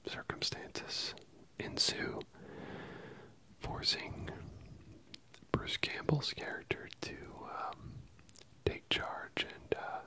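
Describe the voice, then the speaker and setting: Someone whispering softly and closely from ear to ear, giving a casual ASMR film review with hesitant pauses. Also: rough recording. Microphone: close stereo microphone, ear-to-ear panning.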